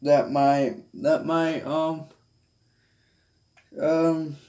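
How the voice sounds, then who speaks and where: Speaking extremely slowly, this man has a somewhat high, level voice with a darkish tone. He's a hobbyist vlogger chatting to viewers about his collection in a small carpeted bedroom, filming on a handheld device, wandering and hesitant and often letting sentences fade.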